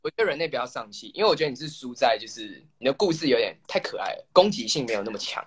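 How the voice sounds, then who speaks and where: A host on a casual live stream with a slightly husky, breathy voice. The pitch jumps around a lot, and the talk is playful and teasing, with plenty of laughter. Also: lively intonation, very fast.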